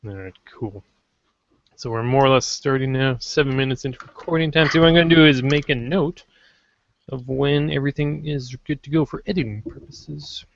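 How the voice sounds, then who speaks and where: A man's voice: medium pitch, normal speed, vocal fry, dry recording. A man hosting a casual podcast, joking and rambling as he tries out silly intros. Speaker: podcast host. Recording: dull lo-fi dry sound.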